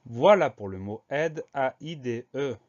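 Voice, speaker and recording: A man's voice: mid-range voice, lively intonation, measured pace, a little mellow. A man teaching a spelling lesson for schoolchildren, patiently spelling each word out letter by letter and repeating it. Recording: dull lo-fi recording.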